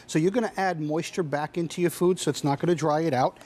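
A man's voice: on the high side, quick pace, darkish tone, slight background noise. A middle-aged man, a chef giving an enthusiastic, emphatic home shopping demonstration. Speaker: chef, culinary consultant demonstrating a product. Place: kitchen set in a TV studio.

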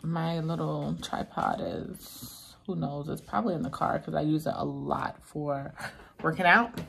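A woman's voice: sits low, expressive, measured pace, creaky, fairly bright tone, slight background noise. A woman in her thirties chatting casually to her viewers in a home vlog, recorded indoors on a close camera. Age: 30s. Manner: chatty, talks straight to viewers. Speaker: vlogger. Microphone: phone or camera at close range.

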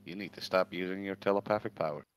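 A man's voice: sits low, fast, clear, resonant tone. A man playing an online game, bantering with other players in a teasing, mock-tough way. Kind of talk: casual voice chat.

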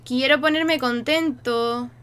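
A young woman with a high, fairly bright voice takes her time as she plays a life-sim game for her viewers. This gaming YouTuber keeps the commentary casual and playful, chatting to her characters along the way.

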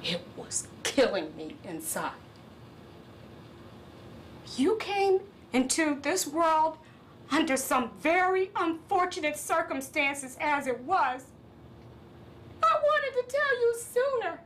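A woman's voice: very high-pitched, very animated, takes it slowly, long pauses, fairly bright tone, distant mic, slight background noise, heavily acted. An actress playing a defensive guardian who scolds and pleads with the young man she raised, in an indie film drama. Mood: pleading.

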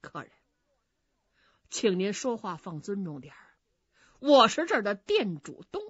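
A woman's voice: medium pitch, sing-song, a little slow, husky, dry recording, pitched below the performer's own voice. A woman voicing a polite, subdued old male innkeeper, in a dry, slightly dull recording.

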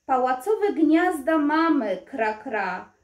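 A woman's voice: sits high, big pitch swings, slow, exaggerated voice. A woman voicing a flock of crows that jeer and caw. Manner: jeering, cawing. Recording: roomy echo.

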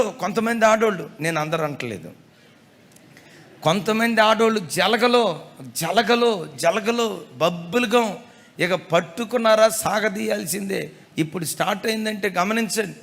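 High, gravelly-voiced man preaching in a hall. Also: measured pace, pauses often, fairly bright tone. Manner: emphatic, repeats key phrases, folksy humor. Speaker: pastor. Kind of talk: sermon. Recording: echoey hall reverb.

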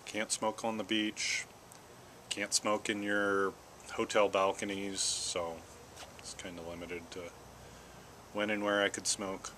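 A middle-aged American man chatting casually to camera in an unhurried, halting way, puffing on a pipe between phrases. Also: fairly low pitch, flat delivery, pushed and bright. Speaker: vlogger. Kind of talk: casual rambling solo chat. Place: outdoors in a backyard garden. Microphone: camera at about arm's length or a little more. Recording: clear outdoor background noise.

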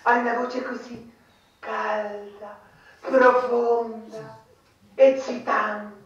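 An actress playing a flirtatious caller in a live stage comedy, with a cooing, flirty manner. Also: female voice, fairly high pitch, level tone, very slow. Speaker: stage actor. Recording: dull, echoey hall from far off.

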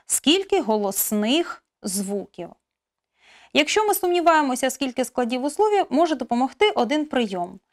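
A woman teaching a language lesson, explaining slowly and carefully with spelled-out example words. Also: a little high.

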